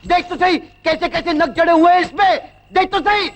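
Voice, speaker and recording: An actor playing a greedy, boastful bandit who laughs loudly over stolen loot, in 1980s film acting. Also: male voice, extremely high pitch, steady tone, moderate pace, highs cut off. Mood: gloating.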